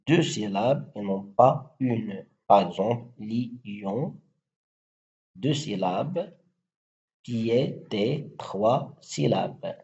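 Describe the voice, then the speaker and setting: Slow gravelly-voiced man teaching poetry. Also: lowish voice, dark tone. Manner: slow, deliberate, spelling out syllables and rhyme schemes. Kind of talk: explanatory lesson with recited verse examples. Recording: dull lo-fi recording.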